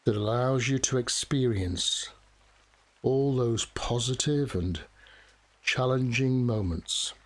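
A man leads a guided meditation in a soft, soothing voice of medium pitch. He speaks very slowly, leaving long pauses between short phrases. Steady rain falls behind him. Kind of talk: guided relaxation meditation narration.

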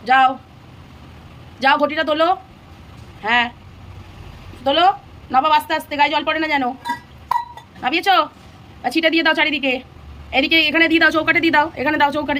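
High-voiced mother coaching her child at home. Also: a little hiss or hum. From Bengal. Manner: patient, repeating instructions gently. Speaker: mother vlogger. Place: home, indoors.

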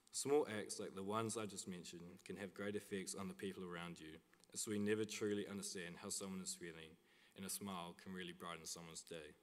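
A young male student giving an earnest prepared address from a lectern in a school chapel, reading from notes with small restarts. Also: low voice. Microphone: lectern mic. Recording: long hall reverb.

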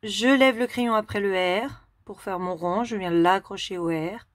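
A woman teacher giving a slow, step-by-step handwriting lesson to a young child. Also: medium pitch, dry recording, clean studio sound.

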